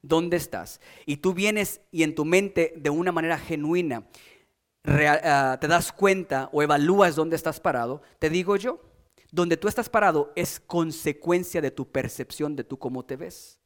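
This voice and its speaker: A man with a notably high voice delivers a sermon from the pulpit. He builds his points through repetition with rising emphasis, then drops into soft, low asides. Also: normal speed. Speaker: pastor.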